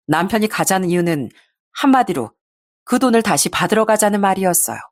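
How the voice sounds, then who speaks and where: A woman's voice: medium pitch, no room sound, clean studio sound. A woman narrating a scripted first-person story in an indignant storytelling manner.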